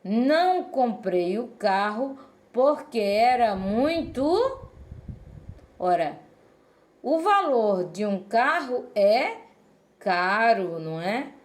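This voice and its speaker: A woman teaching a language lesson, explaining slowly and asking rhetorical questions. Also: on the high side, sing-song.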